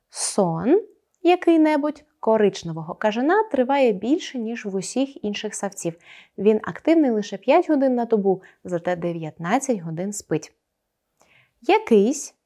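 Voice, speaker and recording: Woman teacher doing an online lesson, bouncy pitch, warm mellow voice, leans on each example word. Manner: clear, animated explaining with stressed example words.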